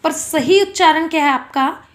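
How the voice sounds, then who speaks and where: A woman's voice: very high voice, normal speed. A woman teaching a school grammar lesson, patiently asking questions and answering them herself. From India.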